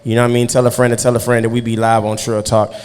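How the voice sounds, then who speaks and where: A podcast host with a mid-range, somewhat mellow and smooth voice conducts a casual interview, talking in a monotone at a rapid-fire clip. He's laid-back and slangy, often asking "you know what I'm saying." The sound carries the echo of a large hall.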